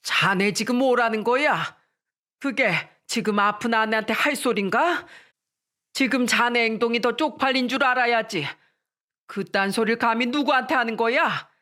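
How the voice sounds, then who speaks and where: A woman voicing an older father who shouts in indignant rage at his son-in-law. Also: on the high side, lively intonation, moderate pace. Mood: outraged.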